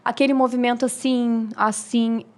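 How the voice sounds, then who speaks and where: A woman's voice: a little high, little pitch movement, moderate pace, darkish tone. A woman, a speaking mentor explaining tips in a friendly, teaching way as a podcast guest. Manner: didactic, demonstrative, friendly.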